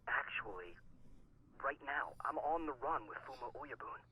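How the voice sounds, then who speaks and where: A frantic young gangster on the run, bright tense voice, urgent, pleading, video game cutscene. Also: male voice, mid-range voice, lively intonation, moderate pace, slightly rough, low-quality recording.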